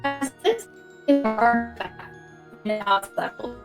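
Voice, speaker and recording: A woman's voice: a little high, lively intonation, slow pace, loud music behind the voice. A woman playing a tabletop game over a video call, her audio choppy and breaking up as she talks in a rambling, hesitant way. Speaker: player.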